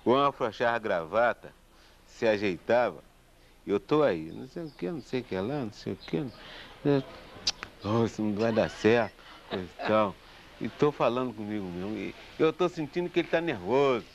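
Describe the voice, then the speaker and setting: Here the Brazilian samba composer's voice is on the low side at a normal speed, with slight background noise. He spins his tale in a relaxed, lively way, playing each person in it, over a dull lo-fi recording with faint guitar behind him.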